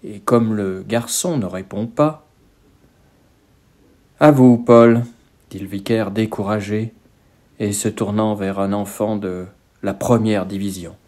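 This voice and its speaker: A man reading a religious book aloud as scripted narration, in a measured, expressive way. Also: lowish voice. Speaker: audiobook reader.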